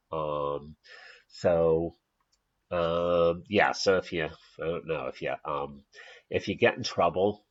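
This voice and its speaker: Man, very low voice, husky, hesitant lecturer, lots of fillers, dull lo-fi recording. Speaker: sociology instructor.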